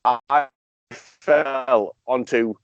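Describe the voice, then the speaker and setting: A man hosting a casual chat over a call, recalling stories with halting restarts. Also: mid-range voice, fairly even intonation, no room sound. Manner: hesitant, repeats words while recalling. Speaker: podcast host. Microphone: video call. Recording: dull dry call audio.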